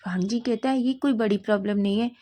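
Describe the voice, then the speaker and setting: A woman's voice: mid-range voice, fast talker, dark tone. A woman narrating a fan story aloud, reading all the dialogue in her own voice.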